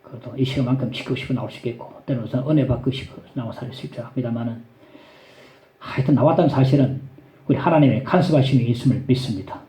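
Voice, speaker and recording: A male pastor with a Gyeongsang accent, preaching a sermon in church and telling stories with animated emphasis. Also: mid-range voice, fast, reverberant. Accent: Gyeongsang Korean.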